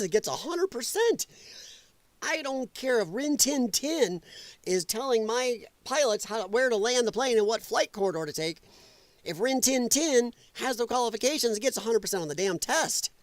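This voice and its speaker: A livestream host reads a news article aloud, breaking in with exasperated, sarcastic, and profane asides in an opinionated rant. His voice is very high-pitched and expressive, moving at a moderate pace with no room sound.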